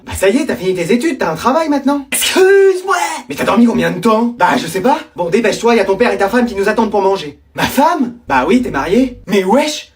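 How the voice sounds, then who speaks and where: A young woman performing a comedic family sketch, playing every role herself and switching quickly between squeaky high voices and low grumbles. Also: recorded from a distance.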